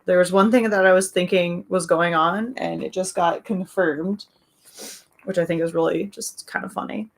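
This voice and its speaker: A woman with a raspy voice hosting a casual livestream, reading viewers' comments aloud and chatting about them. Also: lowish voice, fairly even intonation, moderate pace. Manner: chatty, reads comments aloud, laughs often. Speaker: livestream host.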